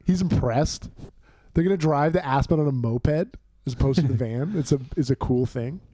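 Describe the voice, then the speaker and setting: A man's voice: medium pitch, moderate pace, dark tone. A man hosting a casual sports watch-along stream, swearing and laughing often into a headset mic. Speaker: livestream host.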